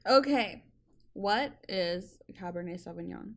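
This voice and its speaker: A woman's voice: mid-range voice, expressive, unhurried, vocal fry. Young woman with dry teasing quips. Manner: dry, teasing one-liners. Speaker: podcast co-host. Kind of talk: casual podcast chat.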